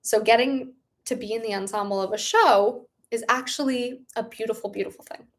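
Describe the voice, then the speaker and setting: A woman's voice: on the high side, fairly quick. A young adult woman hosting a casual livestream, answering viewer questions in a bubbly, chatty manner. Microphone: live stream setup.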